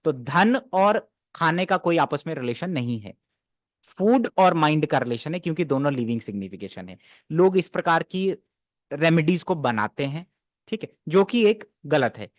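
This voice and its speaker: Man, explanatory lecture, emphatic, corrective, rhetorical questions, slightly high voice, dry close sound. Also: sing-song, moderate pace, no echo. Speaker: astrology teacher.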